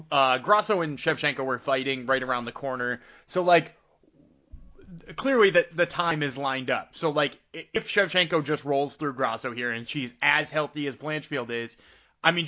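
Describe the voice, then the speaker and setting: A man with a bright, forceful voice pitched a bit high hosts a casual sports show. The sound is slightly dull and lo-fi. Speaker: sports podcast host and interviewer.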